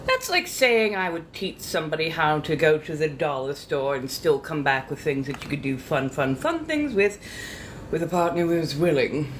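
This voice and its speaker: A livestream host chats casually with her followers using theatrical, coy, old-fashioned ladylike diction and a playful habit of repeating phrases. Her low-pitched voice is sing-song at a moderate pace, with a little hiss or hum in the audio.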